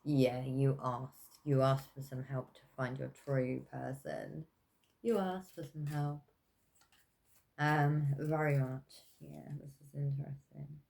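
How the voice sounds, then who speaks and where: A woman giving a casual pick-a-pile tarot reading, talking in a meandering, hesitant way with many fillers, self-corrections and soft laughs. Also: very deep voice, flat delivery, slow, vocal fry. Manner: chatty with frequent soft laughs. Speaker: tarot reader.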